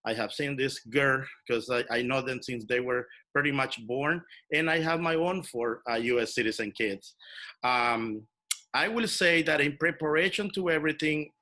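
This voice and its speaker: A man from El Salvador speaks as a community organizer, telling his own story in an animated, personal way. His voice comes across bright and forceful, with a mid-range pitch. He is heard over a video call. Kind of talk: online workshop talk.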